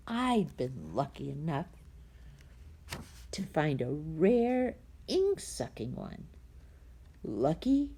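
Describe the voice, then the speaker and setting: Reading a children's story aloud, this woman builds suspense with a low-pitched, husky, breathy delivery that drops to a hush at tense moments.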